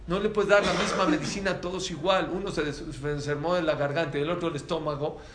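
A man with a Mexican accent giving a religious talk to an audience, telling stories in an animated way and acting out the dialogue. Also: a little high, fast, noisy background. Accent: Mexican Spanish. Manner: animated storyteller who acts out dialogue. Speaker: religious lecturer. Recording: echoey room with faint ambience.

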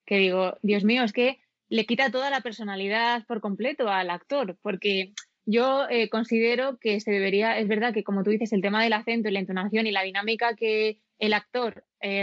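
Woman, voice-acting student, thoughtful and halting, dry lo-fi take. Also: a little high, a bit bright, dry recording. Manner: thoughtful, hesitant with many fillers. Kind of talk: conversational interview.

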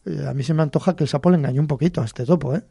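A man with a Cantabrian accent hosts a folklore show, spinning short folk tales in a chatty, folksy manner with many chuckles. His voice is mellow and warm in tone, sitting fairly high. The recording is dry and close. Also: very fast, creaky, breathy edge, dry recording. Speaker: host. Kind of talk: storytelling folklore podcast.

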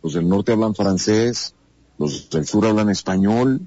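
Mexican guy on a podcast, dark mellow voice, acts out little quotes, kinda lo-fi. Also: fairly low pitch, a little slow, no echo. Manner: animated storyteller who acts out quoted dialogue. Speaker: voice actor and announcer, podcast guest. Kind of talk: casual podcast interview.

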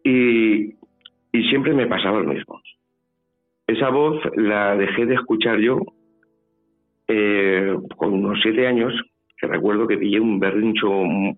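A man from Spain with a Spanish accent, telling a personal story as a guest in a phone interview, hesitant and repeating his words. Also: on the low side. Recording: tinny phone line with faint music.

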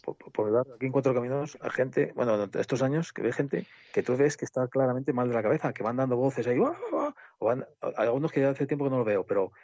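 A man's voice: mid-range voice, quick pace, few pauses, dry recording. A man with a Spanish accent telling rambling street anecdotes in casual chat, with restarts and swearing. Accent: Spain Spanish. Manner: rambling, animated storytelling with many restarts and swearing. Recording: slightly muffled dry recording.

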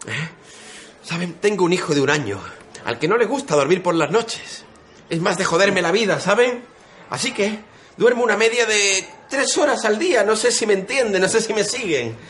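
An actor playing a sleep-deprived police sergeant who talks crudely and with exasperation. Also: male voice, high-pitched, lively intonation, normal speed, a bit bright, a little hiss or hum. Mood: exasperated.

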